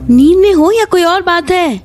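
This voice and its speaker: An actress playing a touchy young woman who teases and quickly takes offense in an audio drama. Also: very high-pitched, expressive, darkish tone, faint music behind. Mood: accusing. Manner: teasing, quick to take offense. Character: young woman Shreya, touchy and sharp-tongued. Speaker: actor. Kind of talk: Hindi audio drama acting.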